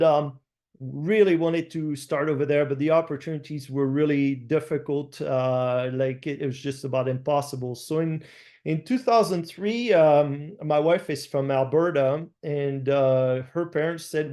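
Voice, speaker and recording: Middle-aged French-accented man, fairly high voice, halting webinar talk, webcam sound. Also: darkish tone. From France. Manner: halting, many "uh" fillers and restarts. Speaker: farmer presenting a webinar. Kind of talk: online presentation with slides. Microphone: video call webcam.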